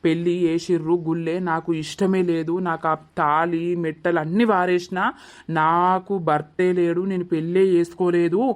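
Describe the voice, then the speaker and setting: A devoted, protective young husband in a cartoon village drama, voiced by a woman. He speaks firmly and comfortingly in a somewhat low voice with a Telangana Telugu accent. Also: little pitch movement, normal speed, lightly acted. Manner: firm, comforting. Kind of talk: animated village drama voice acting.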